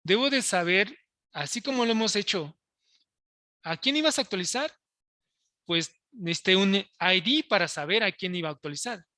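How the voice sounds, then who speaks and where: A man's voice: high-pitched, expressive, brisk, pushed and bright, no echo, studio quality. A man teaching a programming class, explaining code step by step and often checking in with his students. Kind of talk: live coding lesson to students.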